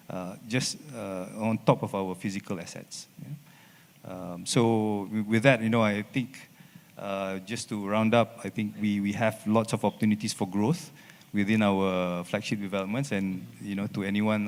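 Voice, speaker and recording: Low-voiced male panelist, hesitant, lots of fillers and tag questions, long hall reverb. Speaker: panel speaker. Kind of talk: panel discussion remarks. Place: conference hall.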